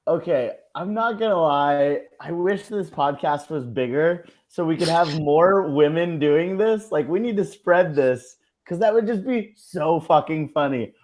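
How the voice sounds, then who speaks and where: A man's voice: a little high, unhurried, hardly any pauses, darkish tone. A man co-hosting a casual comedy podcast, playful and chuckling as he tells a bit. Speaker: podcast co-host.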